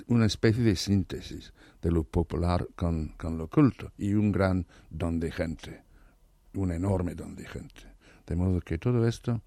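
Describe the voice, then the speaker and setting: A hoarse man with a very deep voice and a gravelly rasp, speaking in a learned, non-native Spanish. He talks eagerly in an interview, often repeating himself and restarting words. The sound is dry and close. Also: mellow, no room sound. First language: not Spanish. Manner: enthusiastic, restarts words, many repetitions. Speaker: interview guest, literary scholar. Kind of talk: thoughtful conversational interview.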